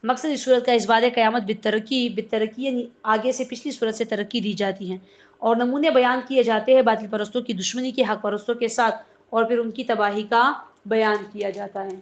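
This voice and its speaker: A woman's voice: on the high side, steady tone. A woman teaching a religious lesson on a surah, telling its story and explaining terms as she goes. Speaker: Quran teacher. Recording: dull lo-fi recording.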